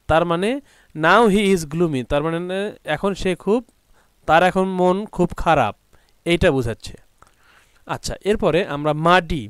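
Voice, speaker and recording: A man teaching an English vocabulary lesson, spelling words out and repeating them slowly. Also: sits high, clean tone, no echo. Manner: slow, drawn-out pronunciation drills.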